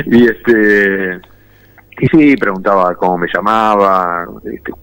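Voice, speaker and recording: A man in his fifties from Argentina recounts his memories at an easy, reflective pace. His voice is low-pitched yet bright and forward. The sound is close and dry, with no room around it. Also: clean tone, no room sound, rough recording. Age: 50s. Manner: reflective storytelling, unhurried. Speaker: war veteran interviewee. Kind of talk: personal testimony in an interview.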